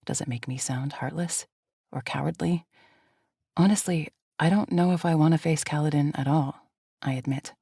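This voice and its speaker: Husky low-voiced woman narrating. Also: normal speed, dark tone, no echo, clean studio sound. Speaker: audiobook narrator. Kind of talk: scripted first-person narration.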